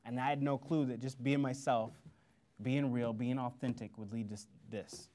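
A man's voice: mid-range voice, moderate pace. Man from Missouri, speaker at a lecture, storytelling, acts out quoted lines, motivational. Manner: storytelling, animated quoted voices. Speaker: guest speaker. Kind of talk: motivational speech. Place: lecture hall before an audience.

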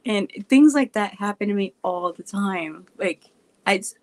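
A woman's voice: medium pitch, lively intonation, a little slow, darkish tone, rough recording. A woman who laughs often and talks in a goofy, chatty way, answering her viewers' questions. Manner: chatty with many fillers. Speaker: wrestler vlogger answering fan questions. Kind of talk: casual chat to viewers.

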